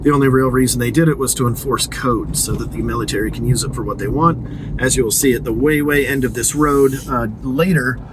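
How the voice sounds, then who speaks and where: A man guiding a driving tour from inside a car, talking in a loose, chatty way and poking fun at himself. Road noise hums clearly underneath, and his pitch sits mid-range. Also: fairly quick. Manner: chatty, joking, self-deprecating asides. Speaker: real estate agent and tour guide. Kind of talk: casual driving tour narration.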